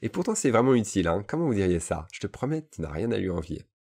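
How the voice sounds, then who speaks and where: A man teaching English to French speakers, explaining in French, then saying each English phrase slowly and repeating it, with frequent casual checks. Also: fairly low pitch, big pitch swings, darkish tone. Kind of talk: bilingual language lesson.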